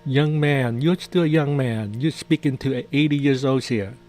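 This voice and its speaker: This man, a day trader running a live stream, talks through his trades in a chatty, joking way and tends to repeat phrases. His voice is medium-pitched and a little mellow, at a normal speed.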